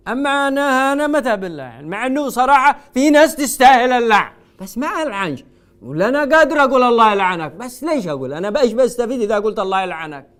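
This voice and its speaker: Sarcastic Yemeni man, high and quick. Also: big pitch swings. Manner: mocking, sarcastic, swings between loud and hushed. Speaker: satirical show host. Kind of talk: satirical comedy monologue.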